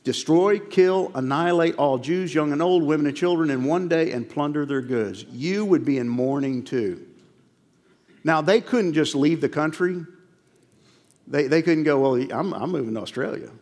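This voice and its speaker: A man's voice: on the high side, a little slow, in a large hall. A man preaching a sermon, telling a personal story and acting out both sides of the conversation. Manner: animated storytelling, acts out dialogue. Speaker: pastor.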